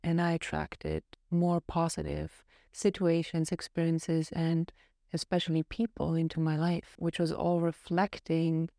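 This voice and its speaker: In a clean studio with no echo, a German-speaking Austrian woman co-hosts a podcast in English, her low, warm voice moving a little slowly. She tells her own story in a reflective, earnest way during the casual conversation.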